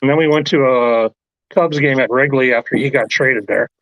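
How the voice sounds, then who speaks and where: A man's voice: mid-range voice, normal speed, no room sound, dull audio. A man telling teasing anecdotes in a casual live-stream chat.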